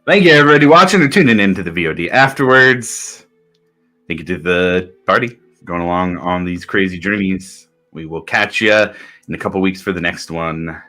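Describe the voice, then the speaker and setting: A man working as game master, narrating a tabletop fantasy game in a dramatic, suspenseful way with deliberate pauses. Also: sits low, animated, sharp tone, soft background music.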